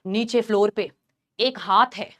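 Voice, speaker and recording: A woman voicing a possessed young college woman in a slow, low, creepy drawl. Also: close to an everyday voice. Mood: eerie.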